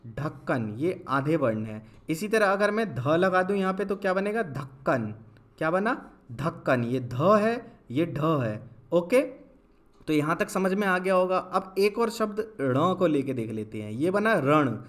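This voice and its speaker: A young man teaching a lesson, spelling words out slowly syllable by syllable and answering his own questions. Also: high voice, lively intonation. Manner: asks questions and answers them himself, drawn-out syllable-by-syllable spelling. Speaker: Hindi teacher. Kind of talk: classroom-style lesson.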